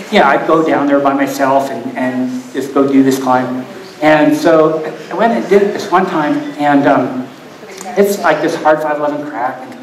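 An older man giving a live slideshow talk, rambling and self-deprecating, often laughing through his stories. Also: a little high. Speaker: presenter at a climbing event. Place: event hall with live audience. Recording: echoey hall audio from far off.

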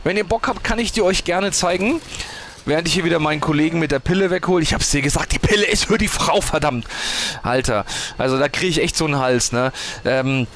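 A man's voice: on the high side, brisk, a bit bright, a little hiss or hum. Crude, ranting German gamer man. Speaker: gaming YouTuber. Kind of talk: gameplay commentary.

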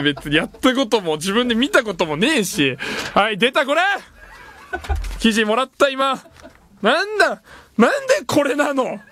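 A man's voice: sits high, a bit bright, slight background noise. A man hosting a radio show in a studio, chatting casually, joking and complaining playfully with frequent laughs.

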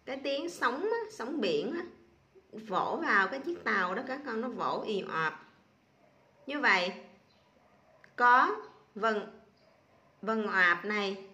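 A woman teacher spelling out sounds and syllables aloud slowly for young children in a reading lesson. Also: a little high, lively intonation, sharp tone, muffled recording. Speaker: primary school teacher. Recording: echoey room.

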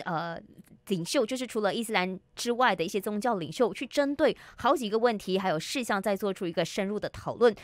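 A woman talks through the day's news on the radio in a loose, chatty way, turning to the listener with asides. Her voice sits in a middle pitch for a woman. The studio sound is close and dry. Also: dry recording. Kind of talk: conversational news discussion.

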